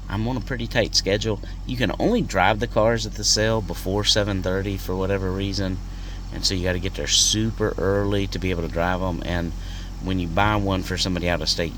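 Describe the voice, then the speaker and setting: A man vlogging while he drives, rambling through stories in a chatty, easygoing way. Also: low voice. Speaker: used car dealer and channel host. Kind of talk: casual vlog while driving. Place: inside a moving car. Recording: road and car noise behind.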